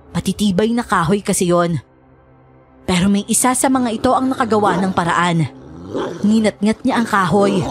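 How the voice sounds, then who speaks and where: A woman narrating a first-person horror story in a steady storytelling manner. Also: mid-range voice.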